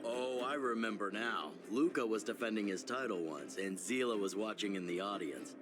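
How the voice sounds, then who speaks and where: A man playing an easygoing, jovial older mentor in a video game, relaxed and teasing. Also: lowish voice, normal speed, over music, natural voice. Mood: amused storytelling. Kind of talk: video game character acting.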